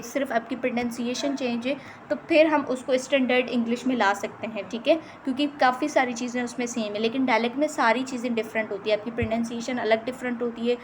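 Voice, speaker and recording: A woman from Pakistan teaching a lecture on English dialects, explaining in Urdu with English terms and slowly reading out English passages. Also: fairly high pitch, slight background noise, rough recording. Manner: often adds "theek hai" between points.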